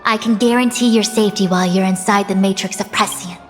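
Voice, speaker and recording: A calm young seer played by a woman with a mid-range voice and dry wit. Her measured, formal game lines carry long reverb with music underneath. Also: mid-range voice, close to an everyday voice. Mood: serious. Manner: measured, deadpan. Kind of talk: video game voice acting.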